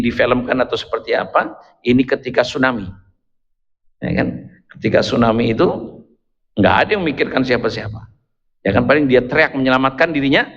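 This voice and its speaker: A man's voice: medium pitch, a bit bright. A male preacher giving a sermon, telling a story with playful asides to his listeners. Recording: dull, echoey hall recording.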